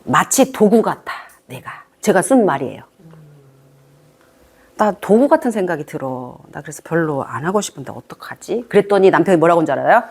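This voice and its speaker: A woman's voice: on the low side, animated, brisk, darkish tone, husky. A middle-aged woman giving a chatty, teasing lecture to parents and asking the audience questions.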